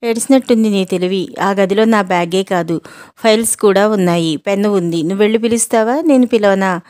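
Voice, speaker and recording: An impatient young man snaps and scolds in a clipped, sharp way, voiced by a woman reading the story. The sound is dry and close, with no room around it. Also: medium pitch, fairly quick, dry recording, close to an everyday voice. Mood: irritated.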